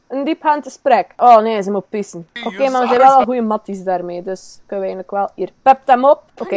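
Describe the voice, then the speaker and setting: Excitable high-voiced Flemish woman gamer. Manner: excitable, swings from muttering to squealing. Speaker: gaming YouTuber. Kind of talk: casual gameplay commentary.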